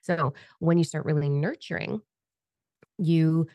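A woman hosting a casual podcast chat, talking in an enthusiastic, nurturing way with quick asides. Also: low-pitched, darkish tone, no echo. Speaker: podcast host and coach.

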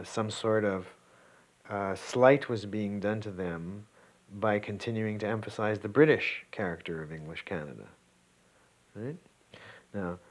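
A man, a political scientist, explaining his view in an interview and checking in with the listener as he goes. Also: fairly low pitch. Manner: explanatory, checks in with "you see" and "right?". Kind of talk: interview commentary.

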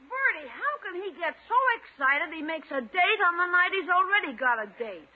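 A man's voice: very high voice, big pitch swings, normal speed. A man voicing a wisecracking, nosy schoolboy nephew in a 1950s radio comedy, brash and slangy. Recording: tinny, narrow-band old radio recording.

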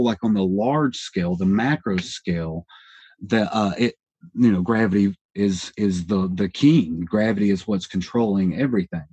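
A man's voice: lowish voice, a little mellow, breathy edge, no echo. A man in his thirties, a podcast guest, explaining ideas in a rambling, self-correcting way, hedging as he thinks aloud. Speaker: podcast guest, independent researcher. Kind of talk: casual explanatory interview talk.

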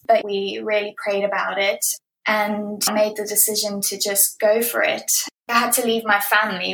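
A woman in her twenties, a ballet dancer answering interview questions earnestly, with soft laughs between phrases. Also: medium pitch, vocal fry, slight background noise. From South Africa. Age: 20s. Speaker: guest, professional ballet dancer. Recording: roomy echo.

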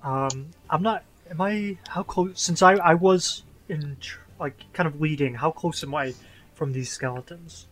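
A man playing a tabletop game, chatting casually in a halting way and repeating his words. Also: fairly high pitch, fairly bright tone, rough recording.

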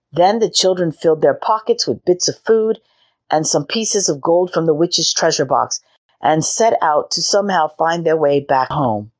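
A woman hosting a story show, reading a children's fairy tale aloud in a gentle, measured way. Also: on the low side. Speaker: storyteller host.

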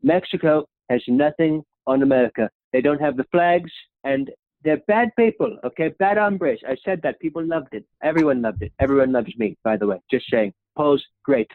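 A tinny, phone-quality clip: a young man at normal speed impersonates a bragging male president, rambling on, complimenting himself and repeatedly dropping his pitch on a closing "okay?". His voice is close to an everyday one, with no echo, and the piece is a comedic impression.

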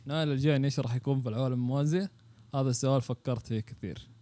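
A man's voice: mid-range voice, fairly even intonation, rapid-fire, dark tone. A Saudi man chatting casually and thinking aloud, dropping English words and phrases into his Arabic. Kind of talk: casual, musing chat.

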